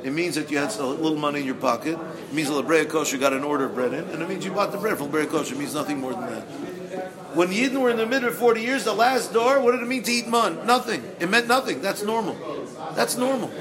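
High-pitched man preaching with Yiddish-inflected American accent. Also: fast, over a noisy crowd. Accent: Yiddish-inflected American English. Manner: acts out dialogues with exasperated rhetorical questions; emphatic repetition. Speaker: rabbi giving a Torah lecture. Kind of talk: animated sermon to a live audience.

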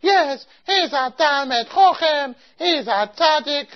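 A woman's voice: sits high, animated, takes it slowly. A woman doing a fussy old matchmaker lady. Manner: broken English sprinkled with Yiddish words; picky, insistent, repeats herself. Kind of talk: amateur comic storytelling skit. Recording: dull lo-fi recording.

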